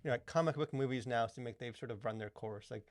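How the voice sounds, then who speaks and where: In a casual podcast conversation, a male co-host talks fast and rambles, leaning heavily on fillers like "like" and "you know." His pitch is medium, and the studio-quality recording has no echo.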